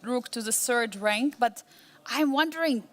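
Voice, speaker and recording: High-pitched woman, live chess commentator, asks dramatic questions and repeats bits for emphasis. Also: a little slow. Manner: poses suspenseful rhetorical questions, repeats phrases for emphasis.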